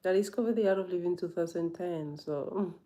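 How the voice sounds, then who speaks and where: A woman yoga teacher in a casual live vlog, talking reflectively in a thoughtful, halting way as she searches for words. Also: on the low side, dark tone.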